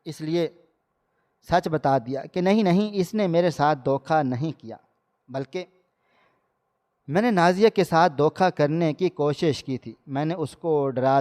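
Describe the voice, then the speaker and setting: Man, story narrator, fairly high pitch, mellow tone, steady dramatic reading, long hall reverb.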